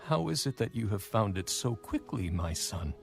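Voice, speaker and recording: A man acts out a solemn old patriarch from an audio Bible drama. The voice is low and gravelly, and he speaks very slowly, weighing each phrase. Music plays clearly underneath. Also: sing-song. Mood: questioning. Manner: slow, solemn, deliberate. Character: old dying father, solemn Bible patriarch giving blessings.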